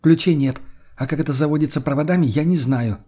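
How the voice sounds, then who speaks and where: A man reading the part of a bossy, foul-mouthed young woman in an audiobook. The voice is pushed up higher and stays husky, snapping and shouting at her companions. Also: quick pace, close to an everyday voice. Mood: irritated, snapping. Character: rude, bossy young woman car thief.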